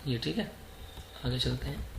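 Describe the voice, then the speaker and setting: A man's voice: mid-range voice, animated, normal speed, vocal fry, roomy sound, background noise. A man teaching English grammar for exam preparation, who poses rhetorical questions, answers them himself and repeats example sentences. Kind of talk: explanatory exam-prep lesson.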